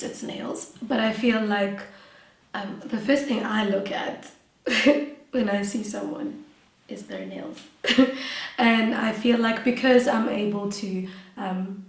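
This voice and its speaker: A young woman with a South African accent, answering interview questions in a soft, hesitant, giggly way with many ums. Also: fairly high pitch. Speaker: interviewee, nail tech. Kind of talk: casual interview. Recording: echoey room, voice from a distance.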